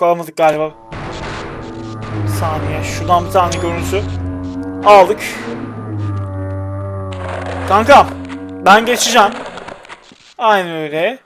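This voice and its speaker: High-voiced young man chatting over gameplay. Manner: chatty, mutters to himself and the game characters. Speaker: gaming channel host. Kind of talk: let's play commentary. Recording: game music underneath. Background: game music and sound effects.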